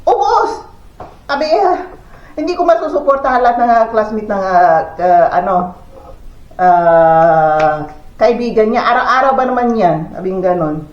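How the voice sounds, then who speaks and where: A woman's voice: medium pitch, moderate pace. A woman from the Philippines telling a story in a casual home vlog, chatty and full of fillers and exclamations. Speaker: family vlogger. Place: at home, indoors. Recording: echoey room, dull lo-fi sound.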